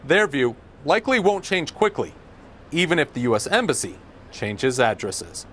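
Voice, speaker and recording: A man delivering a field news report as a foreign correspondent, speaking outdoors in measured, formal tones. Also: on the high side, big pitch swings, fairly bright tone, slight background noise. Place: outdoors on a city street.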